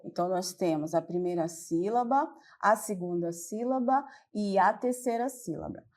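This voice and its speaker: A woman's voice: mid-range voice, expressive, darkish tone. A woman teacher with a Brazilian Portuguese accent gives a televised classroom lesson, explaining step by step and often checking that her students follow. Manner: slow and patient, explains step by step with check-ins.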